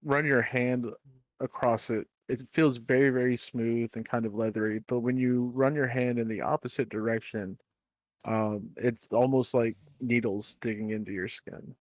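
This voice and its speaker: A man narrating a tabletop game as game master, describing scenes in a relaxed way with many fillers. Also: mid-range voice, moderate pace, dry recording.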